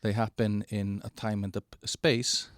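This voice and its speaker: A man giving a halting walkthrough of an online platform, with many fillers and restarts. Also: on the low side, level tone, no room sound, studio quality. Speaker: presenter of a digital platform. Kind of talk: screen-share product walkthrough.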